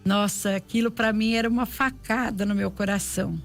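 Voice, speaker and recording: Over soft background music, a woman with a Brazilian Portuguese accent gives an emotional faith testimony in an interview, her mid-range voice fairly even and moderately paced. Heartfelt and repetitive, she often acts out prayers and what people said to her.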